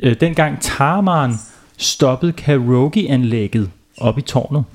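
A man's voice: medium pitch, darkish tone. A man, a father, telling a silly bedtime story to children, playful and often asking them questions.

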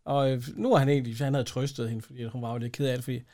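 A man co-hosting a casual podcast, talking haltingly with many fillers and laughing often. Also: mid-range voice, fairly even intonation, mellow. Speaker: podcast co-host. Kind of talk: casual chat.

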